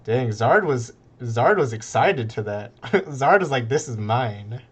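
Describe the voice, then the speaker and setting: A relaxed man casting a live strategy game match. He rambles loosely, drops in plenty of "like"s and chuckles between thoughts. His voice sits in an everyday middle register. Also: medium pitch, slow pace, breathy edge. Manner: laid-back and rambling, laughs often, many fillers. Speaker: esports caster. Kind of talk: casual live game commentary.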